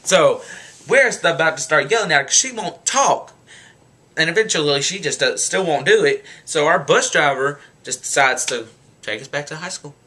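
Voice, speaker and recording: A young man in his late teens telling a story in a casual rant, animated and exasperated. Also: fairly high pitch, normal speed. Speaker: vlogger.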